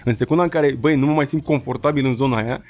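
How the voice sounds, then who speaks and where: A man in his thirties, a rapper and beatmaker, telling stories in a casual interview and acting out quotes in high voices. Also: a little mellow.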